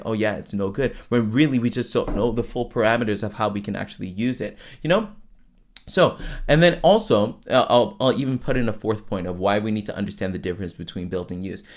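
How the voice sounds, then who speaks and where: Explaining singing to podcast listeners, a vocal coach with a lower voice and access to falsetto keeps things loose and chatty. His casual teaching monologue is full of fillers, restarts, and tag questions, especially "right?"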